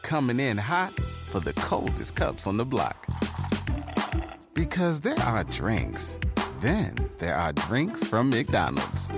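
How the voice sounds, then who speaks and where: A man playing a cocky, playful fast-food customer in a scripted comic ad. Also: on the low side, huge pitch swings, gravelly, over loud music, full character voice. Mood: playfully smug.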